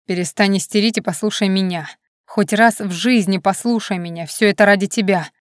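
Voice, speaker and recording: A commanding young man with a dark, flat edge, as a woman reading aloud lowers her voice for him, and it sounds dry and close, with no room around it. He bites off every line with cold, stubborn control, like someone used to getting his way. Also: a little fast, no room sound, natural voice. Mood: pleading angrily. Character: angry controlling young man, jealous lover.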